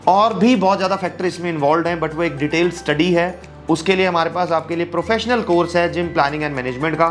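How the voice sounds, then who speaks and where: A man's voice: a little high, quick pace, faint music behind. Gesturing man giving gym business advice. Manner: explains with constant hand gestures, mixing English into Hindi. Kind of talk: direct-to-camera advice video. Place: office with trophy shelves, indoors.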